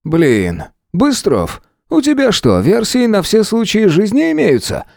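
A mocking police chief who sneers at every theory, his voice climbing high and swinging widely, as a male audiobook reader puts him on. The tone is dark and mellow, and the recording is close and dry with no room sound. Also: wildly swooping pitch, a little slow, creaky, dry recording, exaggerated voice. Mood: sarcastic. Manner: mocking, sharp-tongued. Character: sarcastic, dismissive male police department chief. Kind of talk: audiobook character voice.

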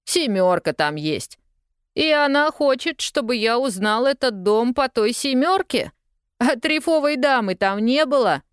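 A woman's voice: a little high, animated, measured pace, smooth, no echo, studio quality, pitched above the performer's own voice. A woman voicing a cocky young street newsboy who talks in a slangy, scoffing, drawling way.

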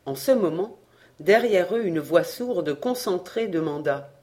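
A man reading a novel aloud as an audiobook narrator, giving the quoted dialogue a lively voice. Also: high voice, unhurried. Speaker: audiobook reader. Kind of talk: scripted narration.

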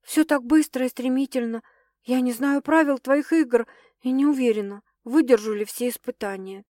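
Woman voicing a dramatic, excitable young woman. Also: moderate pace, no room sound, clean studio sound, close to an everyday voice. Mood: hesitant. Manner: excitable, exclaiming, higher and louder than narration.

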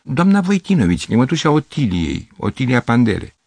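A man's voice: mid-range voice, very animated, gravelly, a little mellow, breathy edge, no echo, pitched above the performer's own voice, full character voice. A man voicing a fussy, flustered middle-aged male piano teacher who rambles and over-explains. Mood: insistent.

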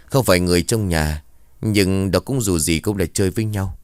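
A man's voice: low-pitched, moderate pace, a little mellow, clear, resonant tone, dry recording, studio quality, lightly acted. A man voicing a village mother who scolds her son and apologizes to a grieving family. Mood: subdued. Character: stern worried mother of a young man.

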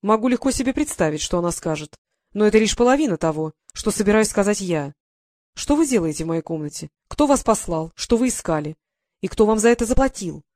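A man's voice: sits high, expressive, fast, no echo. A stern aristocratic lord with a commanding, clipped manner, as an audiobook reader puts him on. He presses with question after question, cold and unbending. The sound is dry and close, with no room around it. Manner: stern, interrogating.

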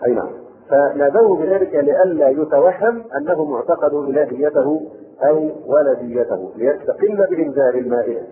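A man's voice: on the high side, a little fast. A man with an Egyptian accent teaching a Quran commentary lesson, reading classical text and explaining it in colloquial asides, on a tinny old recording. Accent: Egyptian Arabic. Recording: tinny lo-fi lecture tape.

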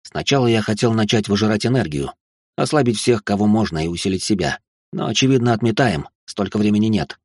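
Husky low guy reading a story out, sarcastic asides, dry close sound. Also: lively intonation, a little fast, no room sound. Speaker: narrator. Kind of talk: first-person audiobook narration.

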